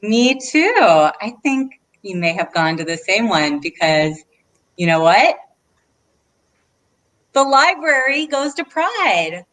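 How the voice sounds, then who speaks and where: This storytime host, a librarian, speaks in a mid-range, slightly bright voice captured on a low-quality recording. She encourages the children and asks them questions during the read-aloud.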